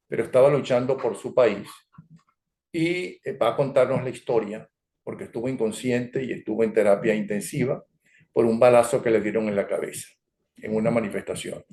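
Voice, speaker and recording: A man's voice: medium pitch, a little mellow. An older man with a Venezuelan accent hosting an interview, asking leading questions and drifting into history asides with tag questions like "no?". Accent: Venezuelan Spanish. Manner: digressive, leading questions, frequent "¿ok?" and "¿no?" tags. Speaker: interview host. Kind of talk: conversational interview. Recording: roomy echo.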